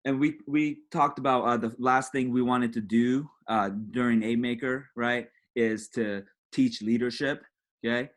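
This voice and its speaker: Presenting at a coaching clinic, this high school football coach keeps a conversational style, often saying "right?" and repeating "again" to the other coaches. His tone stays steady and his pace measured.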